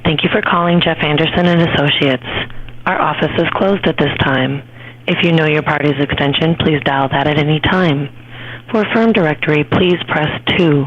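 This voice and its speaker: A man's voice plays from an automated phone system over a phone line. The greeting is formal and polite, spoken evenly in a slightly high voice. The audio is dull and muffled, with a faint hiss behind it. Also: moderate pace. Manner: even, polite, formal announcing. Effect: heard over a phone line. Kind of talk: scripted automated voicemail message.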